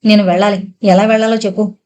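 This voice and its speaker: A woman's voice: medium pitch, flat delivery, fast, a little mellow, natural voice. A woman voicing a curious, stubborn young man from town who asks plain, insistent questions.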